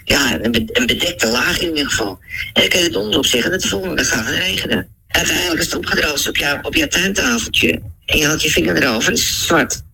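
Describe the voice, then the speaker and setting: A man whose voice is distorted by pitch shifting to hide who he is, giving casual interview answers with many halting restarts and repeated words. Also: lively intonation, creaky, sharp tone, slight background noise. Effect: voice distorted by pitch shifting to hide identity. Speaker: interviewee with conspiracy beliefs.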